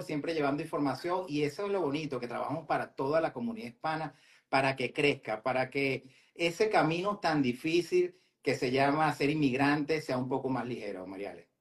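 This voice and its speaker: A man speaking earnestly as a guest in a live interview, steady and motivational. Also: on the high side. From Venezuela. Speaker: guest entrepreneur.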